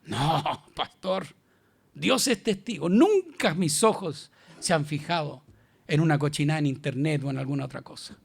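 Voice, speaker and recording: A man's voice: a little high, expressive, moderate pace, creaky, husky, full character voice. A man playing an earnest, pious churchgoer protesting his innocence to the pastor. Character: pious churchgoer insisting he avoids impurity.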